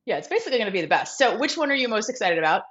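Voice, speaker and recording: Woman co-host with a head cold, lively up-and-down delivery, dull lo-fi recording, gushing enthusiasm. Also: on the high side, very fast. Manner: excitable, gushing, says "freaking" a lot. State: has a cold. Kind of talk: casual podcast chat. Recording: dull lo-fi sound.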